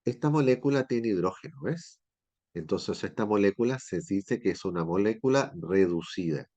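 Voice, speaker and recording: A man's voice: lowish voice, lively intonation, moderate pace, dark tone. A man teaching a university chemistry class, explaining step by step and often checking that his students follow. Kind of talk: classroom lecture.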